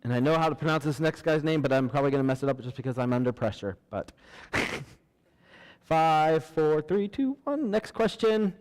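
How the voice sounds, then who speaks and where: A man hosting a church trivia night, reading questions slowly, counting down and laughing at himself. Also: on the high side, expressive, a little mellow. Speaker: trivia host. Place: church hall. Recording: large hall with long reverb.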